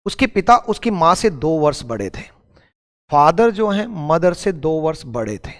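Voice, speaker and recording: A man's voice: on the high side, very animated, a little slow, big-room sound. A man teaching a live online math class, repeating each step and calling his students brother.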